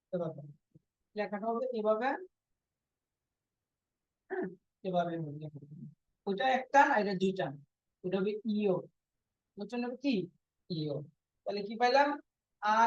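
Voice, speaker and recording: This woman, leading a language class, goes over each point more than once and keeps testing her students with questions throughout the lesson. She has a mid-range, slightly mellow voice, and the recording is dull, dry, and lo-fi.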